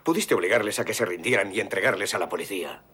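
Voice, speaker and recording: A man playing a stern, weary older mob boss with a husky voice, in dubbed film dialogue. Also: low-pitched, fast, sharp tone, full character voice. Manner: stern, lecturing, gives orders.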